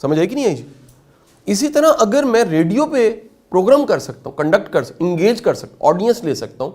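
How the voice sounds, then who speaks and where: A middle-aged Pakistani man gives an animated motivational lecture in a high voice, putting questions to his audience.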